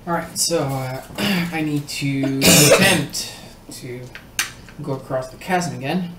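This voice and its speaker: A man's voice: medium pitch, slow. A man playing a board game who talks hesitantly and mumbles while he works out his moves. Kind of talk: casual game-table chat. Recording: distant, roomy, noisy.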